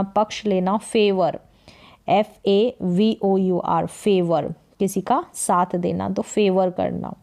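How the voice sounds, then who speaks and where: A woman teaches a vocabulary lesson, saying each word and its meaning and then saying them again. She speaks at an unhurried, deliberate pace. Her voice is warm and mellow, in a middle register. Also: mid-range voice. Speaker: English teacher.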